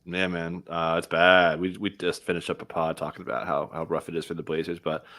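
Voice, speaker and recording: A man's voice: low voice, level tone, fairly bright tone. A man analyzing fantasy basketball in loose, casual talk with lots of fillers. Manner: loose, filler-heavy, quick informal talk. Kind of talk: casual chat.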